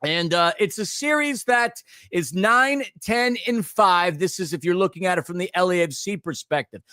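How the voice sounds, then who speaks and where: A man with a fairly high voice hosts a casual sports talk show. He is upbeat and jokey and full of sports slang. The sound is dry and close, with no room echo. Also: normal speed, pushed and bright. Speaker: podcast host.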